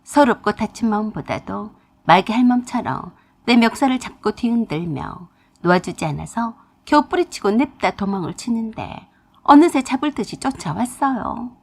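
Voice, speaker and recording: A woman narrating a family story in the first person, in a confiding, expressive storytelling manner. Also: fairly high pitch, normal speed, vocal fry, husky.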